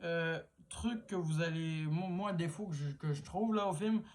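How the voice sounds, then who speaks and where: A man's voice: a little high, moderate pace. A man giving an enthusiastic, rambling casual film review and often restarting his sentences.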